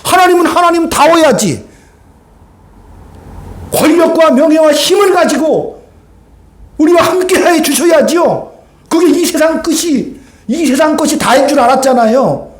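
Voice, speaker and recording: A male pastor preaching a sermon, telling the story with lively rhetorical questions and acted-out voices. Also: very high-pitched. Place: church sanctuary. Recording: echoey church hall.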